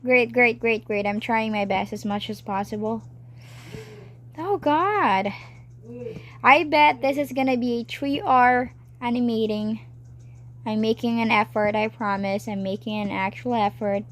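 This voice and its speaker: A woman talking to herself while animating on a tablet, rambling, cheering herself on and breaking into excited outbursts. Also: on the high side, moderate pace. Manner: rambling, self-encouraging, chatty with sudden excited outbursts. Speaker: animator narrating her work. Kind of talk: casual talk while drawing.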